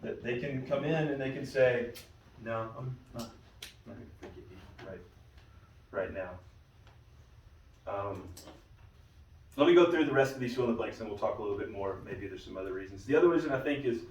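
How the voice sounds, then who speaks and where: In a church meeting room, a male pastor runs an informal Bible study, storytelling in a chatty way with frequent restarts. He speaks quickly in a mid-range, darkish voice with lively intonation. Slight background noise comes through, and the distant mic captures a roomy room.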